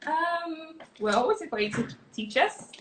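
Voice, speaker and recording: A woman's voice: sits high, lively intonation, moderate pace, a bit bright, reverberant, slight background noise. A woman in her twenties co-hosting a live stream, giving brief, giggly replies in casual chat. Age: 20s.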